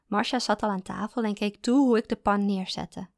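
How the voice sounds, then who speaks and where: Gravelly-voiced woman reading a story. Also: medium pitch, dry recording, clean studio sound. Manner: calm, measured storytelling. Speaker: narrator. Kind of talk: first-person literary story reading.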